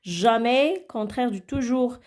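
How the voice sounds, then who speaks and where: A woman's voice: a little high, lively intonation, slow, darkish tone. A woman teaching a grammar lesson to young children, patient and repetitive, often checking whether they follow. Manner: patient, repeats words and asks "d'accord?". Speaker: primary school teacher.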